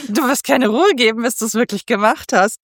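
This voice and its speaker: Lively German woman retelling a story. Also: fairly high pitch, fairly quick, no echo, clean studio sound. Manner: retells scenes with lively quoted voices. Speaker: podcast co-host. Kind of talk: casual book discussion with acted quotes.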